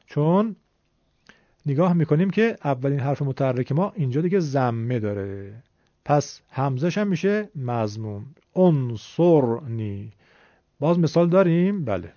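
A man with a fairly high voice teaches a class, walking his students through a rule one step at a time. He is patient and reassuring and keeps circling back to the main point. The sound is dry and slightly dull. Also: lively intonation, warm tone, no room sound. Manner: patient, reassuring, repeats key rules. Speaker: Quran reading teacher.

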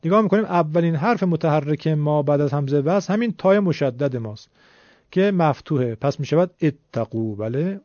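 A man's voice: a little high, animated, darkish tone, no room sound. A man teaching Quran reading, explaining a rule step by step in a patient, reassuring way and repeating the key points. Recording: dull, dry lo-fi recording.

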